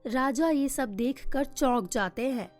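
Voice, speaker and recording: A woman narrates a cartoon moral story in a high, unhurried voice. Her delivery is measured and storytelling, and faint music plays behind her. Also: darkish tone.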